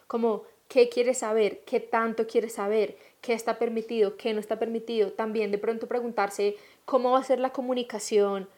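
A woman speaks as a guest on a casual podcast, with a fairly high voice. She lays out her ideas in a measured, reflective way. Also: steady tone, a little mellow.

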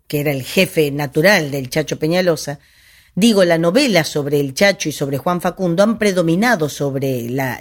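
A woman giving an informal history talk, conversational and digressive, with restarts and asides. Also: low voice. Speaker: history presenter.

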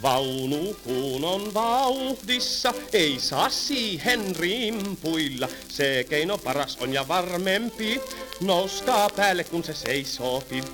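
A man's voice: high-pitched, very animated. A man singing and playing a fussy old-time tram conductor who scolds passengers, on an old archive record with music. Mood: jaunty. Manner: sings, then scolds passengers in quick patter. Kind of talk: 1930s comic song with spoken patter.

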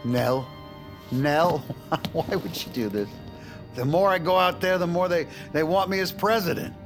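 An actor playing a weary, principled Vice President in an audio drama, halting, earnest and slightly theatrical. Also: male voice, a little high, faint music behind, lightly acted. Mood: baffled.

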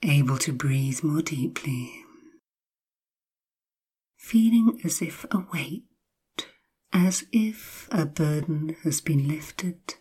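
A woman with a low, breathy voice narrates sleep hypnosis in the manner of a sleep story. Her delivery is extremely slow, with long pauses and drawn-out repeated phrases. She stays hushed and soothing, often sinking into a whisper. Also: lively intonation.

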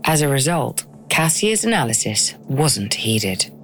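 A woman's voice: rumbling low, very animated, measured pace, slight background noise. A woman delivering scripted narration as the host of a documentary podcast.

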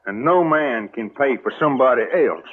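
A man's voice: mid-range voice, animated, normal speed, slight background noise, close to an everyday voice. Actor as God-fearing, dour mountain father, rural American accent, 1960s radio play, thin narrow-band audio. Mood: defensive, resigned. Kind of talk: 1960s radio drama acting.

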